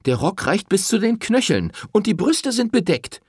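A man's voice: high voice, very animated, moderate pace, a little mellow, slightly rough, no echo, clean studio sound, pitched above the performer's own voice, heavily acted. A man voicing a fierce, defiant young woman farmer in an audiobook reading, speaking in an indignant, proud manner.

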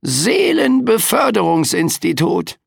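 A man's voice: sits high, big pitch swings, slow pace, vocal fry, breathy edge, no room sound, studio quality, voice pushed up, heavily acted. A man voicing a grumpy, overworked male Grim Reaper skeleton in an audiobook, grumbling and cheeky. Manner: grumbling, cheeky, tags questions with "hä". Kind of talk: audiobook character voice.

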